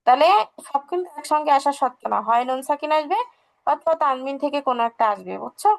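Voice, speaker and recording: High, gravelly female tajweed teacher. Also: expressive, fast talker, poor audio. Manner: patient, asks questions and answers them herself. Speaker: Quran recitation teacher. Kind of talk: online tajweed lesson.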